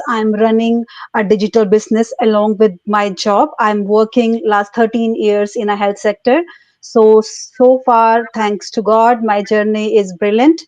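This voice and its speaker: A woman from India, a guest on an online panel, polite and unhurried, greeting everyone warmly. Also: a little high, dry recording, highs cut off. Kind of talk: interview answers.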